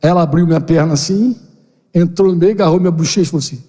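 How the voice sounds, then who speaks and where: An older man, a pastor, giving a lively conversational sermon to a seminar, acting out little dialogues with playful slang. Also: a little high, very fast. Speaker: pastor leading a parenting seminar. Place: church building hall. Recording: long hall reverb.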